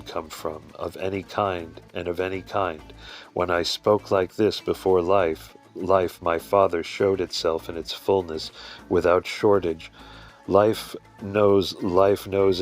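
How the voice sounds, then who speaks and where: A man reading an old religious text aloud in a measured way, sometimes halting and restarting a line. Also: sits low. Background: faint music.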